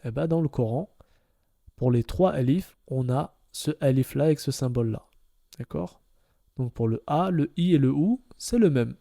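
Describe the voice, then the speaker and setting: With a gravelly, warm voice at medium pitch and a moderate pace, a man gives a step-by-step Arabic reading lesson. He patiently repeats each stage and checks in with his listeners using "d'accord?".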